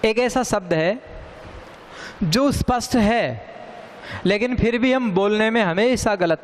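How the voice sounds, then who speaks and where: Slow, lively-pitched man teaching in a hall. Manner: slow, deliberate, repeats words to correct pronunciation. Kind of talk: Hindi grammar lesson. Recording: long reverb, faint ambient noise.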